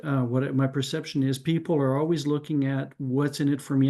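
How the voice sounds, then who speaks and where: In a casual group discussion, a French-speaking Canadian man talks with a mellow, low voice edged with vocal fry. He thinks aloud, restarts often, and tends to close his points with "right?"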